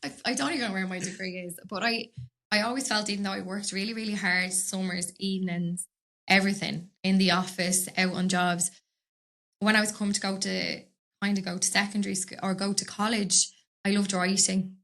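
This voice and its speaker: A woman's voice: mid-range voice, little pitch movement, normal speed, a bit bright. Dublin woman, podcast guest; chatty, rambling, laughs easily, studio mic. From Dublin, Ireland. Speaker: podcast guest, business owner. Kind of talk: casual interview chat.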